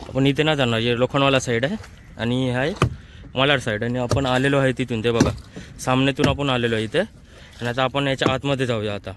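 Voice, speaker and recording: With a handheld phone, a man vlogs outdoors aboard a small open boat on a creek, his Mumbai accent clear as he repeatedly points things out to his viewers in a casual way. His voice is mid-range, fairly even in intonation, and a little fast. Being out on the boat, the recording is noisy.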